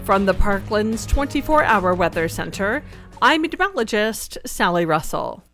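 A woman's voice: medium pitch, very animated, normal speed. A woman meteorologist reading a scripted radio weather forecast with music behind her. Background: music bed.

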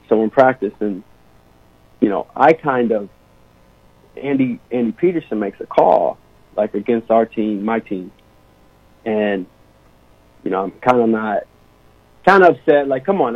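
A young assistant basketball coach tells stories in a casual, animated way during an interview, using lots of fillers. His lowish, husky voice keeps a measured pace with long pauses; there's no room sound, but the line has a tinny, phone-like quality.

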